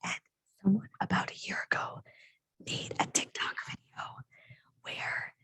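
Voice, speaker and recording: A teacher presenting a staff development conference session has lost her voice, so she whispers breathily into a close microphone. She's unhurried, a bit bright, chatty and self-deprecating, and the recording is dry.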